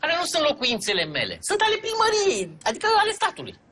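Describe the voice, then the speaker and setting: An actress playing a scheming mayor who dodges requests and performs for a camera. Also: female voice, very high voice, huge pitch swings, a crowd in the background, exaggerated voice. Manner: evasive, theatrical. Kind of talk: sitcom acting.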